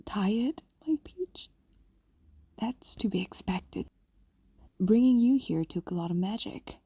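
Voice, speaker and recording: Fully in character as a possessive, tender fox demon who has loved for centuries, a woman delivers an ASMR-like fantasy roleplay in a soft, breathy whisper. Her mid-range voice has lively intonation, but she stays slow, intimate and coaxing, pausing lingeringly, soothing and adoring. It is recorded dry.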